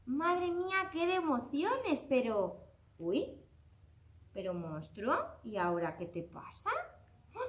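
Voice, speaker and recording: Animated woman telling a children's story. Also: high voice, slow pace, pauses often, roomy sound. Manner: expressive, exclaiming, addressing children directly.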